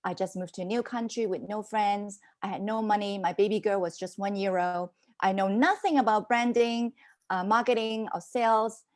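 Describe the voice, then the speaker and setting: A woman in her forties, a business mentor raised in Hong Kong and Canada, recounts her life in a casual podcast interview. She sounds animated and conversational, with a medium pitch and normal pace.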